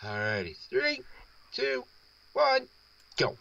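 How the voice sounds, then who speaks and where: A man's voice: medium pitch, wildly swooping pitch, slow pace, vocal fry, bright, forceful tone, dull audio, slight background noise. A man co-hosting a wrestling video game stream, chatting with enthusiastic fan talk. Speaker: co-host and player. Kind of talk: casual gaming commentary.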